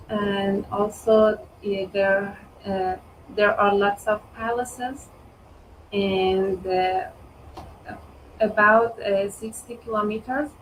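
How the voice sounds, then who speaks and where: Slow-speaking woman on a video call. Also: medium pitch, distant mic, a little hiss or hum, poor audio. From Iran. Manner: slow, halting, with many "uh" pauses. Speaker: conversation club participant. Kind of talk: casual online chat in English.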